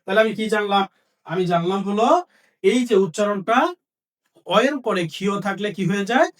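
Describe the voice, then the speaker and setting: High-voiced male teacher quizzing students. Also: recorded from a distance. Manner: asks questions and answers them himself; repeats key points slowly for emphasis. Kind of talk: Bengali grammar lesson.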